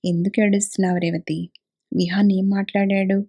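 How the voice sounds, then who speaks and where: Kindly male village doctor, middle-aged, gentle, reassuring, storybook reading, voiced by a woman. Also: mid-range voice, little pitch movement, normal speed, breathy edge. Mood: caring. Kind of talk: audiobook character reading.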